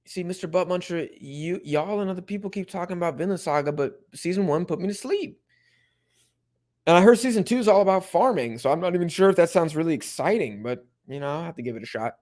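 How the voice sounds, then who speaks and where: A young man hosting a live football watch-along, chatting casually with viewers and getting excited at big plays. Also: high-pitched, brisk, pauses often. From Mexico-supporting fan. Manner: laid-back, chatty, bursts of excitement at plays. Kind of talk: casual live commentary and chat reading.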